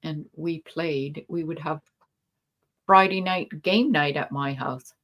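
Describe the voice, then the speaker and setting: A woman with a fairly low voice chats casually on a livestream over a video call. She is talkative and laughs often, and her sentences often trail off unfinished. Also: slow pace, fairly bright tone. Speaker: co-host.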